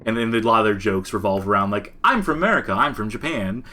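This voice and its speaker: A man's voice: fairly low pitch, lively intonation, fast, pushed and bright. A man co-hosting a podcast, giving casual commentary as he plays a game and explaining its mechanics in detail. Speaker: podcast co-host. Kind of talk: casual commentary over gameplay.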